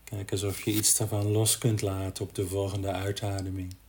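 A man guiding a body-scan meditation in a gentle, unhurried manner with long pauses. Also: low voice, flat delivery, a little hiss or hum. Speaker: meditation guide.

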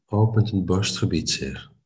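A man leading a guided body-scan meditation as a teacher, calm and unhurried, speaking in short phrases with pauses between them. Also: low-pitched.

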